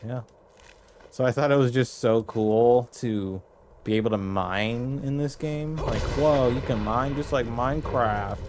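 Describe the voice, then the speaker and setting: A man's voice: mid-range voice, unhurried, darkish tone, a little hiss or hum. A man streaming a video game and chatting casually to his viewers. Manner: chatty, talks to chat and the game. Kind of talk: casual gameplay commentary. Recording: game music behind.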